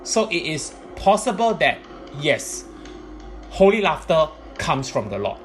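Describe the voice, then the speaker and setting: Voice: mid-range voice, very animated, measured pace, faint music behind. A presenter giving explanatory religious teaching in a methodical, point-by-point way.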